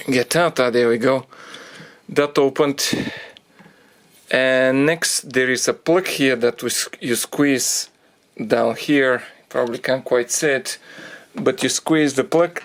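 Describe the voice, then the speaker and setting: A man explaining a car repair as he works on it, thinking aloud in halting phrases and getting out of breath from the effort. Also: mid-range voice, a bit bright. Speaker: DIY car repair presenter. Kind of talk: hands-on repair tutorial.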